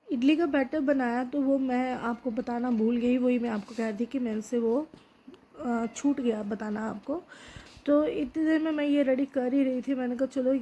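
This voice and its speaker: Middle-aged lady narrating her kitchen cooking vlog, chatty, lots of little pauses, mellow husky voice. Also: sits high. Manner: chatty, homely, with filler pauses. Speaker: home cooking channel host. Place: home kitchen.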